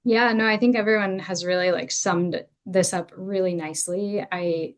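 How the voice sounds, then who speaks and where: A woman's voice: medium pitch, steady tone, moderate pace. A woman who works with teenagers giving casual spoken feedback, chatty and hesitant with many fillers.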